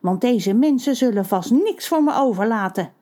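A greedy, mumbling talking crow from a storybook, voiced by a female narrator. His voice sits somewhat higher than her own narration and stays plain and cartoon-light. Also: animated, normal speed, dark tone, close to an everyday voice. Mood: sly. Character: greedy, hungry male crow.

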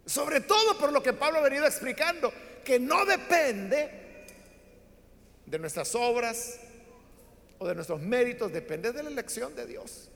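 A man preaching with a very high, lively voice that climbs and dips as he acts out a Bible story. His sermon rings with a long hall reverb. He talks to the congregation directly and explains as he goes. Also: a little slow, creaky. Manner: animated storytelling, acting out voices in Bible stories.

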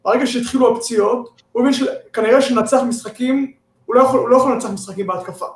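High-voiced journalist in an echoey room. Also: male voice. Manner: halting, restarts words while giving opinions. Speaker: guest sports journalist. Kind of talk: casual sports podcast chat. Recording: echoey roomy sound.

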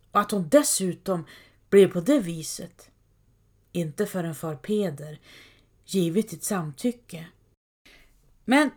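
A woman narrating a scripted historical story in a calm, measured way. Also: mid-range voice.

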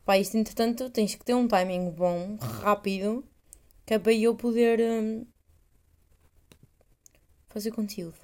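A woman's voice: medium pitch, fairly even intonation, measured pace, pauses often, dark tone. A young woman with a European Portuguese accent, hosting a casual solo podcast, rambling, swearing freely and poking fun at herself. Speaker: podcast host.

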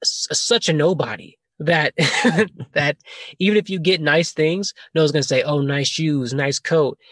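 A man's voice: fairly high pitch, measured pace, a bit bright, no echo, studio quality. A man hosting a casual podcast chat, rambling, laughing and correcting himself as he talks. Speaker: podcast host asking questions.

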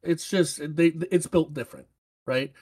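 A man with a fairly high voice chats about a game in a loose, rambling way. He stumbles over himself, fills gaps with ums, and circles back mid-sentence. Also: moderate pace, darkish tone. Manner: rambling, filler-heavy, restarts often. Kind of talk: casual gaming chat.

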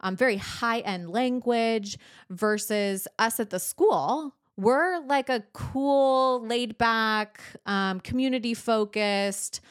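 A woman co-hosting a casual business podcast, talking in a lively way, acting out little quotes and laughing often. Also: a little high, takes it slowly, smooth, no room sound, studio quality. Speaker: podcast co-host, business owner.

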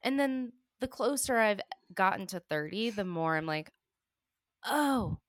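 A woman's voice: medium pitch, lively intonation, unhurried, no room sound, studio quality. A woman about to turn thirty, co-hosting a podcast in casual chat, playful and self-mocking and laughing often. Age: 20s. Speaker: podcast co-host.

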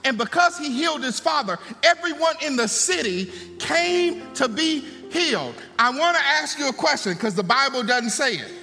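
High lively preacher in a big hall. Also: male voice, normal speed, vocal fry, few pauses. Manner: call-and-response preaching, folksy asides. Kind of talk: sermon. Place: church sanctuary. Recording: long hall reverb, faint music.

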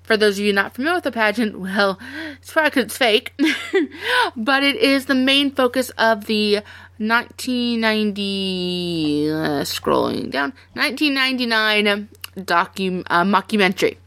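A woman's voice: mid-range voice, lively intonation, unhurried, a bit bright, no echo. A woman hosting a podcast in casual chat, chatty and rambling with frequent laughs. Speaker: podcast host.

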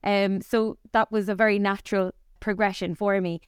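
An Irish company founder in her forties, with a Cork accent, talks candidly about her career as a guest in a conversational podcast interview. Her medium-pitched voice is clean and level, at a normal speed, and the studio sound has no echo.

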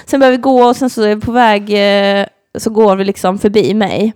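A woman's voice: mid-range voice, dry recording, clean studio sound. A young woman from Sweden, co-hosting a casual podcast, telling a long story and acting out what everyone said. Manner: animated, acts out quoted voices, lots of fillers.

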